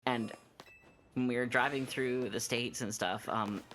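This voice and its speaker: A man's voice: mid-range voice, fairly even intonation, a little slow, a bit bright, faint music behind. A man streaming a game and chatting casually, telling stories with lots of fillers and restarts. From Canada.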